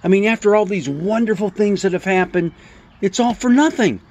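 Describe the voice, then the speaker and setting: A man plays an exhausted prophet at the end of his rope. He pleads in a worn, hopeless tone that climbs higher as his despair grows. It comes across as a storyteller's quoted voice in a retold Bible story. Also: brisk, a little mellow. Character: despairing worn-out male prophet begging to die.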